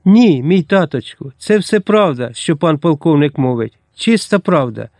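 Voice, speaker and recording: A man's voice: a little high, animated, normal speed, darkish tone, no room sound, studio quality. A man voicing a young noble woman who is passionate and easily moved, speaking eagerly and pleadingly.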